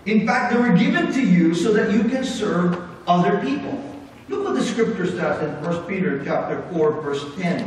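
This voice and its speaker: A middle-aged man preaching a sermon as pastor, animated and moving about as he speaks. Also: high-pitched, slight background noise. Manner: animated preaching with big hand gestures, moving about the stage. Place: church sanctuary with brick wall, indoors. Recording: echoey hall from far off.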